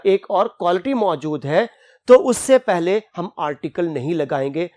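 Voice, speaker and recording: A woman teaching an English grammar lecture, slowing down to read each rule in English and then explaining it in her own words. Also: medium pitch, mellow. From Pakistan. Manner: reads English rules out slowly and deliberately, then explains in Urdu. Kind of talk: classroom lecture.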